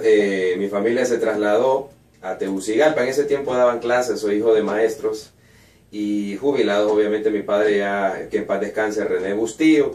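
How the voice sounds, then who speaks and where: Honduran man in his thirties, lively storyteller, roomy distant sound, studio guest. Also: fairly low pitch. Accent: Honduran Spanish. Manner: animated, laughs while telling anecdotes. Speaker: guest singer-songwriter. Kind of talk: storytelling interview answers. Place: small radio studio with red wall. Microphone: boom mic at a desk, headphones on. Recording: echoey room, voice picked up from afar.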